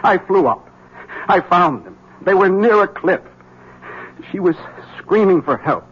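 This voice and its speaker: In a dull-sounding 1970s radio drama, an actor plays a haunted, desperate man urgently warning a rival. His high-pitched, slightly rough voice is animated and exaggerated, a little slow, and tense and urgent with bursts of agitation.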